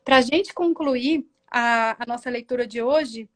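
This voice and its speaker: A woman's voice: a little high, unhurried. A woman teacher hosting a reading club, summing up and encouraging her guest. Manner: encouraging, praising the guest's analysis.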